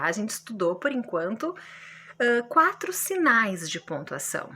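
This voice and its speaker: A woman's voice: mid-range voice, pushed and bright, slight background noise. A Brazilian woman teaching a grammar lesson to schoolchildren, speaking in a friendly way with exaggerated intonation and often checking in with "tá?". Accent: Brazilian Portuguese.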